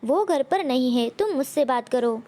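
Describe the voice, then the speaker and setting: A selfish female crow from a cartoon story speaks in a high, sharp, bossy voice, as a woman reads her part. Her tone stays pushy and scheming. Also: lively intonation, normal speed.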